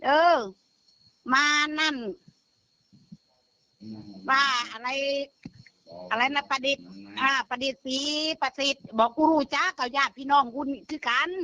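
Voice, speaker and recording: A woman's voice: sits high, moderate pace, long pauses, bright, forceful tone, rough recording. An older woman chatting bluntly, swearing freely and repeating herself as she tells of a call. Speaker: grandmother telling of a phone scam. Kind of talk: casual phone-style chat.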